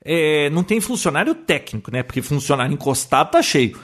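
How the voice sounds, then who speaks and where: A man's voice: on the high side, big pitch swings, brisk, a bit bright. A Brazilian man co-hosting a casual podcast chat, telling opinionated stories with many restarts. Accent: Brazilian Portuguese. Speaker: podcast co-host.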